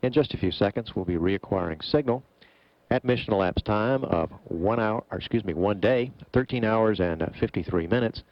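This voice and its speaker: A man with a very low voice and plenty of fry gives mission commentary. He explains things in a formal, measured way. The sound is a little dull and muffled. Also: dry recording. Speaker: mission operations public affairs commentator. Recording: dull, muffled broadcast feed.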